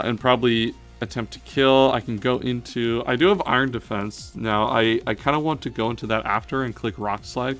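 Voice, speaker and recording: In a fairly low voice with noticeable vocal fry, a man gives analytical, thinking-aloud commentary on a competitive battle. He often catches himself and rephrases mid-sentence, with plenty of "um" and "uh."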